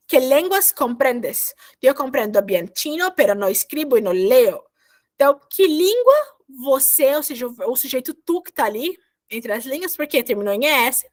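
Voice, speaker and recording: A woman teaching a Spanish grammar class over a video call, explaining verb endings patiently step by step and repeating herself often. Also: sits high.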